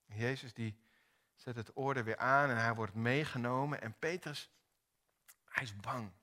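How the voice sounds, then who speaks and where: A man preaching a sermon, retelling a story dramatically with lively acted-out dialogue. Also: medium pitch, moderate pace.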